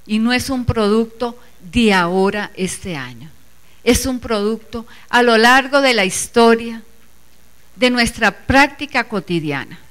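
A woman's voice: on the high side, animated, a little slow, a bit bright. A woman giving an earnest, emphatic speech as an organizing committee member before a teachers' assembly. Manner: earnest, emphatic, addresses the audience inclusively. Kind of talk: public speech at a meeting.

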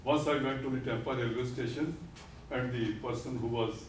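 An older man lectures on Sikhism in a classroom with a whiteboard, standing and gesturing at a podium as he explains terms slowly and deliberately, repeating key words. His mid-range voice has fairly even intonation. Captured by a far camera, the audio is echoey and distant, with a little hiss or hum.

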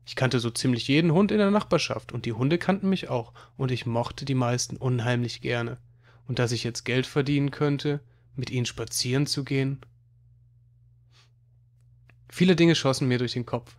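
A man reading a children's money book aloud as audiobook narration, in an even storytelling manner. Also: medium pitch, normal speed. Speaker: audiobook reader.

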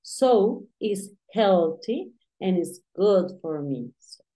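A woman teaching English in a relaxed lesson, repeating words and explaining pronunciation. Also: mid-range voice, drawn-out words. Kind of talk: casual online English lesson.

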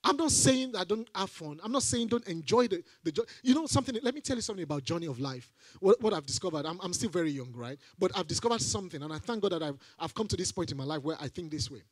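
Talking fast with few pauses, a middle-aged Nigerian preacher delivers a sermon on a church stage, holding a mic, his voice pitched high for a man. He gets animated and rises into emphatic, repeated phrases. The recording is dry and close, with minimal echo.

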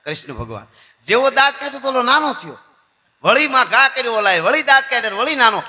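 A man telling devotional folk stories and preaching to children and elders in an animated way. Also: very high voice, a little fast, big-room sound. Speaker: folk storyteller. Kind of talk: devotional folk storytelling to an audience.

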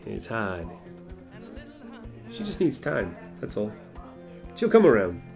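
An actor playing a calm, patient male friend who soothes and pleads gently in a short film. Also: on the low side, slow pace, vocal fry, faint music behind, heavily acted. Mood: consoling.

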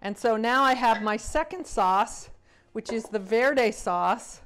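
A woman's voice: fairly high pitch, slow pace, slight background noise. Middle-aged woman chef demonstrating recipes. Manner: relaxed, enthusiastic, with fillers. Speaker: cruise line executive chef. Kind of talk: cooking demonstration. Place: large home kitchen.

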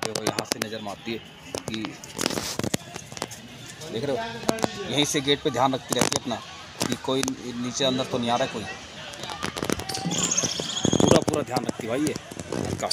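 A man's voice: mid-range voice, normal speed, pauses often, heavy background noise. A man vlogging with his dogs on a rooftop, teasing them playfully and chatting casually to viewers on a handheld phone. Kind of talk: casual pet vlog. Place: rooftop, outdoors.

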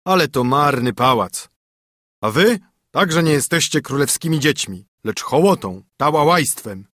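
A man's voice: on the high side, lively intonation, measured pace, fairly bright tone, no room sound, studio quality. A man narrating an audiobook voices a nosy, rude male bear who speaks in a scornful, blustering way.

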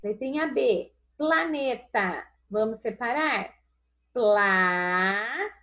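A woman's voice: high-pitched, big pitch swings. Sing-song Brazilian woman teacher. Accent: Brazilian Portuguese. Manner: slow, sing-song, stretches syllables and calls pupils "amores". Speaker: primary school teacher. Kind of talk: recorded remote lesson for young children. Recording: dull lo-fi recording.

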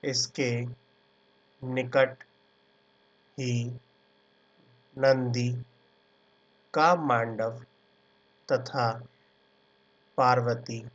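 A man teaching an art exam class dictates handwritten notes word by word, then casually explains pictures, recorded at a computer as a screen recording. His medium-pitched, slightly bright voice has fairly even intonation, is extremely slow, and pauses often. The lo-fi sound is dull, with a faint mains hum in the background.

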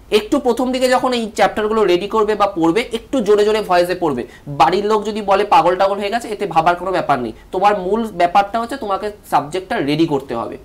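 A man teaching a televised online class, stressing syllables and repeating key words, asking questions and answering them himself. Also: sits high.

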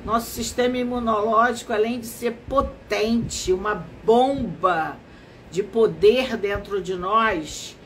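Slow-talking woman with a stuffy nasal voice. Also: a little high, a little hiss or hum, rough recording. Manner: slow, unhurried, explanatory. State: nasal from allergies. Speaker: therapist hosting a live stream. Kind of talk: casual live-stream talk.

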